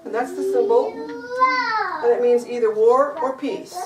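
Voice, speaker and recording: A woman's voice: sits high, big pitch swings, a little slow, a crowd in the background. Chatty woman explaining, echoey and distant. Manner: chatty explaining with little jokes. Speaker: family history presenter. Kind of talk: informal presentation to relatives. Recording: echoey room from far off with background noise.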